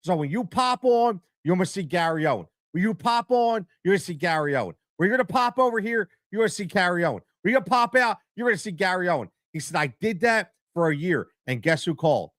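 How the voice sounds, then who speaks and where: A middle-aged man with a Philadelphia accent hosting a live stream, talking in an animated, repetitive way full of stammered restarts. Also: sits high, fast talker, hardly any pauses, no echo, studio quality. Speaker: show host.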